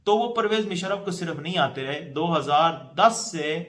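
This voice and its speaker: A man's voice: fairly high pitch, expressive, a bit bright. A man giving casual political commentary to camera, speaking in loose run-on sentences with frequent hesitations.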